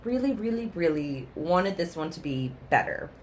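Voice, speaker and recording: Podcast co-host, woman, casual movie chat, very expressive pitch, faint hiss behind her. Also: moderate pace.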